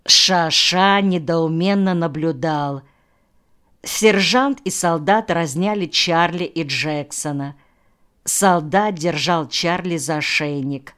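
Calm woman reading an audiobook, lowish voice, super clear. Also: slow pace. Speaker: audiobook narrator. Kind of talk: audiobook narration.

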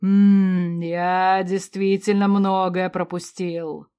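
A woman reading an audiobook, voicing an older remorseful king father who mutters slowly and loudly. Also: mid-range voice, lightly acted. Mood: remorseful, muddled. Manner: slow, loud, mumbling.

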